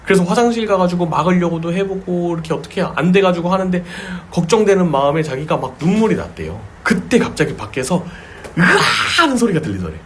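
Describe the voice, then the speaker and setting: A man's voice: sits high, expressive, fast talker, hardly any pauses, a little hiss or hum. A man preaching a sermon as a pastor at a small home church, telling stories with vivid sound words and acted cries.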